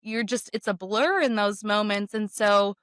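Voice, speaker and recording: A young adult woman, a podcast guest, telling her story in a lively way, often acting out the voices of others. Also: medium pitch, a little slow, clean tone, dry recording. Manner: lively, acts out quoted voices.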